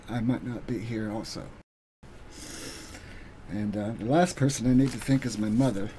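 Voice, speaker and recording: A man giving an earnest, halting thank-you speech on his live stream, pausing often with ums. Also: fairly low pitch, steady tone, warm tone, a little hiss or hum. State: getting emotional.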